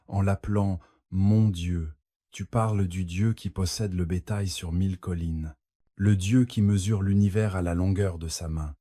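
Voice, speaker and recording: A man with a very low, dark voice preaches a fervent sermon, taking his time over every phrase. His tone is husky, and the sound is dry and close, with no room around it. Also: no room sound. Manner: fervent preaching, addresses the listener directly with exclamations of praise. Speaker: pastor.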